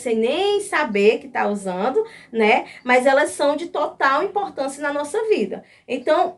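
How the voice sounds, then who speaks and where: A woman's voice: high-pitched, recorded from a distance. A woman teacher from Brazil explaining a grammar lesson step by step, often checking in with her class.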